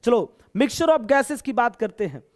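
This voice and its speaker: A Bihari man teaches English in a live online class, his voice pitched very high. He speaks Hindi with a Bihari accent, chatty and playful, joking as he coaxes his students to answer. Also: big pitch swings, takes it slowly, a little mellow. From Bihar, India.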